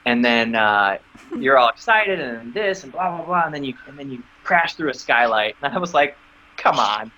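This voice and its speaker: Guy guest on a podcast, chatty storyteller, bright tone, kinda dull audio with a little hiss. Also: normal speed. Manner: animated, acts out quoted dialogue with sudden high squeaks. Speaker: actor interview guest. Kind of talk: casual storytelling interview.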